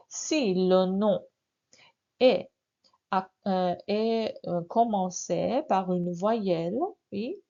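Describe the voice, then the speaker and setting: A woman's voice: mid-range voice, creaky, warm tone. A woman teaching a French grammar lesson, repeating words for learners and checking in with frequent "oui" and "n'est-ce pas". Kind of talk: slow, repetitive grammar lesson. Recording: dull lo-fi audio.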